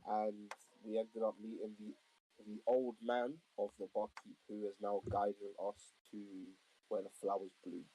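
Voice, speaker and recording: A man's voice: on the low side, little pitch movement, moderate pace, warm tone, breathy edge, low-quality recording. A man playing in a tabletop game who recaps the session in a rambling, casual way. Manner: rambling, with fillers. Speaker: player.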